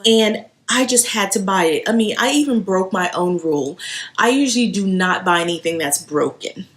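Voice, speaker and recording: A home decor vlogger in her late thirties, originally from Haiti and not a native English speaker, shows off her thrift store finds in a casual haul. Her voice is mid-range at normal speed, and she's chatty and enthusiastic, calling viewers "you guys."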